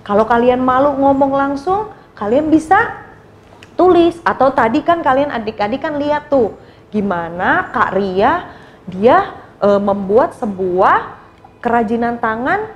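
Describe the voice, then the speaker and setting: A woman's voice: sits high, expressive, unhurried. A woman Sunday school teacher telling a story and coaxing children to love their parents.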